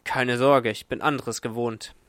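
Brief: a man playing a gruff, impatient stout guest, brusque lines, dry close sound. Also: medium pitch, fairly even intonation, measured pace, fairly bright tone, no room sound, lightly acted. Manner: brusque, dismissive.

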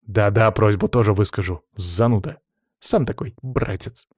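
A man's voice: on the low side, normal speed, breathy edge, no room sound, studio quality. A man voicing a smug young heir. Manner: smug, dismissive. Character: young nobleman heir, condescending, suspicious.

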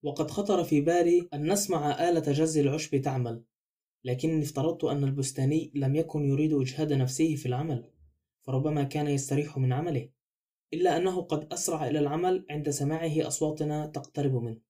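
Male audiobook narrator, quick and mellow, slightly high-pitched. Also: steady tone. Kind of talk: scripted narration.

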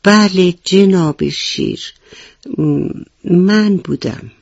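A woman's voice: low-pitched, lively intonation, a little mellow, no echo, muffled recording. A woman voicing a timid, jumpy little rabbit who panics easily and talks in frightened pleading. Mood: fearful.

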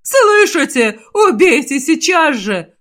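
A woman's voice: high-pitched, very animated, slow, a bit bright, voice pushed up, exaggerated voice. A woman doing a shrieking panicked demon lord. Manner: voice cracking into a shriek.

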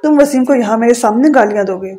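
A woman's voice: a little high, dark tone, soft background music, natural voice. A woman reading the part of a young wife who is hurt and reproachful toward her husband. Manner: wounded and reproachful.

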